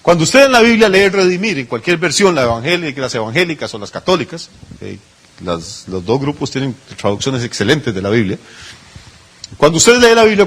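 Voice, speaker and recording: A man's voice: a little high, a bit bright, breathy edge. A male pastor, preaching a sermon in a conversational way, full of rhetorical questions and little acted-out asides.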